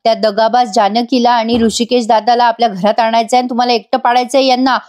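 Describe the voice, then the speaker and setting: A woman's voice: a little high, level tone, fast talker, darkish tone, natural voice. A woman voicing a manipulative young daughter-in-law who accuses and sneers. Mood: sneering.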